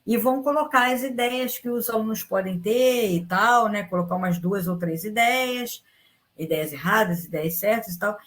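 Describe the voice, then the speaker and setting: A woman's voice: medium pitch, normal speed. A woman teaching an online class. She rambles, restarts her sentences and checks in with her students after almost every point. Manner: rambling, frequent fillers and restarts.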